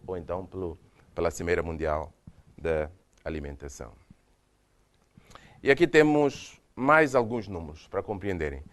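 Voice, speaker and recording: A man from Mozambique, speaking in a low voice with a Mozambican Portuguese accent, gives a university lecture with slides as a guest lecturer. Standing in a lecture hall, he speaks hesitantly and keeps restarting.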